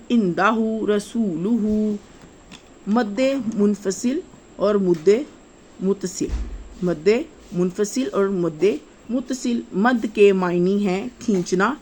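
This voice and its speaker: A woman, teaching children to read the Quran in a slow step-by-step lesson, repeating each rule and spelling out syllables with drawn-out vowels. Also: medium pitch.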